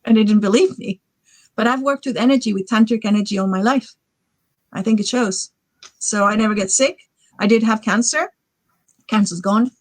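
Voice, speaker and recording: A woman's voice: on the high side, moderate pace, pauses often, no echo. A woman in her forties, a guest author, talking casually on a podcast in a rambling, enthusiastic way full of fillers. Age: 40s.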